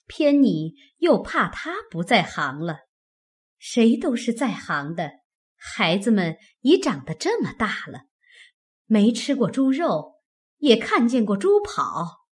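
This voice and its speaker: A man reading an audiobook, voicing a shrewd, sharp-tongued young noblewoman who talks quick and cutting. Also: high-pitched, huge pitch swings, slightly rough, voice pushed up, heavily acted. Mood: teasing. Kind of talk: audiobook character voice.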